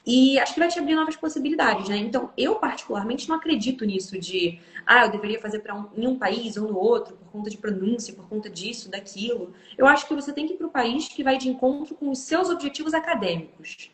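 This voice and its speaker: A Brazilian-accented English teacher chats as a guest on a live stream, explaining her views encouragingly. Her voice is fairly high and fairly bright, with lively intonation, and she talks quickly with hardly any pauses in a reverberant space.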